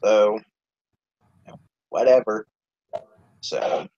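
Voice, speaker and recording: A man with a lowish, warm voice talks very slowly and with fairly even intonation while hosting a live stream on his own YouTube channel. He chats casually and rambles, swearing a lot and using plenty of fillers. The stream audio is dull and lo-fi.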